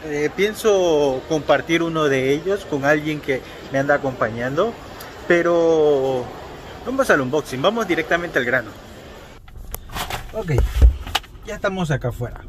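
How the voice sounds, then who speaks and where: Speaking a little slowly and leaving long pauses, a toy collector vlogger in his thirties chats upbeat and casual with viewers as he unboxes toys in his parked car at night. His voice runs a little high, and the background is noisy.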